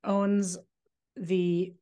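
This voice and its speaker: A woman's voice: on the low side, little pitch movement, very slow, dark tone, clear, resonant tone. A woman guest on a podcast, telling stories casually with fillers and restarts. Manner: rambling, many fillers and restarts. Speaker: magazine guest. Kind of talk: casual interview chat.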